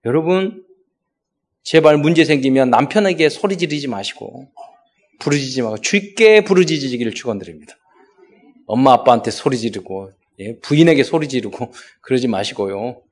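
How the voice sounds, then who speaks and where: A man's voice: mid-range voice, lively intonation, moderate pace. A male pastor delivering a sermon, rising into exhortations and acting out quoted speech.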